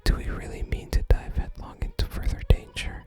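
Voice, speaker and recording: Narrating gameplay in a gentle, breathy ASMR whisper, this video host takes their time and reads the game's written text out loud.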